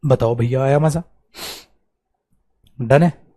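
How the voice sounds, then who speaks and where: A man's voice: mid-range voice, slow pace. A man with an Indian English accent teaching an online English grammar class, switching between Hindi and English and acting out short student replies and dialogues. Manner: animated, acts out student replies and little dialogues; calls listeners beta and bhaiya, mixes Hindi and English. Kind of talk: online coaching class lecture.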